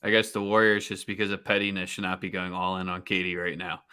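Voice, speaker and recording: Man, co-host, low voice, bright and clear, loose slangy sports chat. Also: completely flat delivery, quick pace. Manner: loose, joking, slangy delivery. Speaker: podcast co-host. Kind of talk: casual sports betting show chat.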